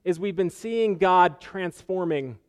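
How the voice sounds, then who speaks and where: Man, pastor, sermon, fairly high voice, earnest, repeats for emphasis. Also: slow, clear, resonant tone. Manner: earnest, repeats phrases for emphasis, rhetorical questions.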